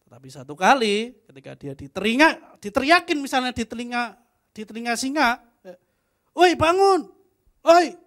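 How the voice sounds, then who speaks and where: High-voiced joking young preacher. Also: male voice, lively intonation, a little fast, sharp tone. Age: young adult. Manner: chatty, joking, frequent tag "ya". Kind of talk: youth fellowship sermon, casual storytelling.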